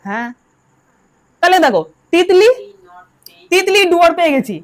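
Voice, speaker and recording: A woman's voice: very high voice, big pitch swings, moderate pace. A woman teaching English grammar to a class, drilling her students and telling them to answer aloud. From Bengal. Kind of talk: classroom lesson.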